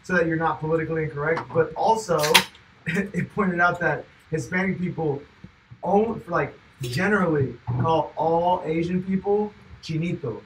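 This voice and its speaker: A man with a high, light voice chats loosely on a podcast, wandering through a story and chuckling as he goes. He sits a bit back from the mic, and a faint hiss sits under him. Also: moderate pace, recorded from a distance. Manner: rambling, laughs through stories. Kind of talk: casual podcast banter.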